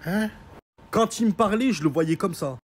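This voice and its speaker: Young man, husky voice, sarcastic casual storytelling, mocking tone. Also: high voice, normal speed. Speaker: vlogger telling a story.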